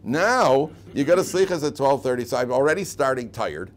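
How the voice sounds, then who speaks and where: A man's voice: medium pitch, sing-song, normal speed. A man speaking as a rabbi giving an informal Torah lesson, emphatic and questioning, repeating key phrases and often answering his own questions. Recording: clearly noisy room recording.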